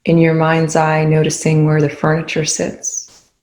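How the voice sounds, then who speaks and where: A calm, slow-paced meditation guide speaks with a creaky quality and a steady, subdued pitch. The instructions are brief, with long gaps between them, and the space adds a noticeable echo.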